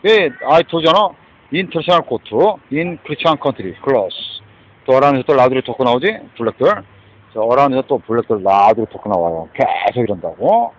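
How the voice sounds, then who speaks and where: A man's voice: medium pitch, big pitch swings, moderate pace. A man ranting in a rambling, agitated monologue, often breaking off to prompt with a questioning "huh?" and mixing in English phrases, recorded outdoors. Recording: dull lo-fi recording.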